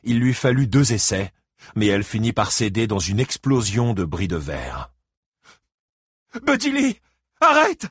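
A man narrating an audiobook chapter in a steady, even reading. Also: on the low side, normal speed, husky, dry recording, clean studio sound. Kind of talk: scripted narration.

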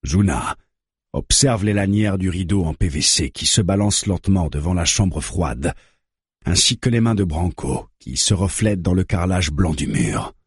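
Deep, husky male audiobook narrator. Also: animated, no echo, studio quality. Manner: measured, dramatic reading. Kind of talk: scripted narration of a thriller.

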